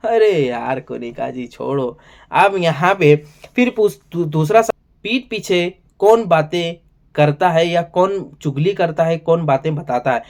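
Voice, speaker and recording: Male reviewer, high voice, chatty casual recap style with plenty of filler. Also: a little slow, darkish tone. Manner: chatty, keeps saying "bhai" and "yahan pe". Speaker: show reviewer.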